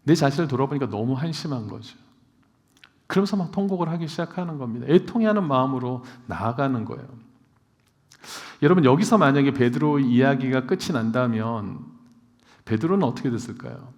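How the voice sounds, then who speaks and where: A man's voice: mid-range voice, a little mellow. Male pastor, sermon, rhetorical questions to the congregation, long church reverb. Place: church sanctuary.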